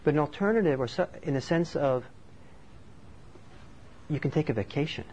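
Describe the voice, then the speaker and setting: His voice a little high and somewhat mellow, the Norwegian meditation teacher speaks at normal speed with animation, giving a thoughtful, conversational dharma talk. Faint background noise and a slightly dull quality mark the recording.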